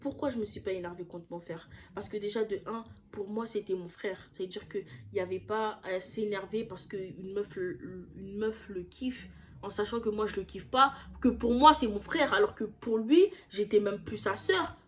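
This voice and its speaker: A young woman telling a personal story in a casual, slangy way, getting heated and throwing in quick asides. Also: mid-range voice, a little hiss or hum.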